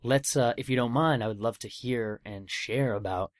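A man's voice: mid-range voice, moderate pace, no echo, studio quality. A man hosting a radio show, interviewing a guest in a friendly, joking, encouraging way. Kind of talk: casual interview chat.

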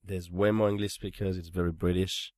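A French man speaking English with a strong French accent, a DJ chatting casually as a radio guest in a relaxed, easygoing way. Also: deep voice, fairly quick, dry recording. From France. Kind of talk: casual interview chat.

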